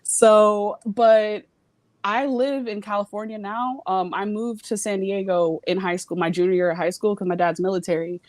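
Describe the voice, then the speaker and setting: Calling from home into a relaxed chat show, a young woman from Virginia with Jamaican family talks frankly and rambles, swearing freely and using many fillers. Her mid-range voice is steady and darkish, at normal speed, in a dry recording.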